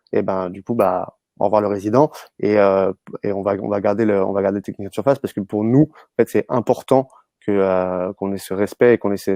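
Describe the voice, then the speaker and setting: A man explaining his views as a panelist in a conversational, halting way. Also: fairly low pitch, mellow, dry recording, studio quality. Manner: hesitant, halting delivery. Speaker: panelist, building manager.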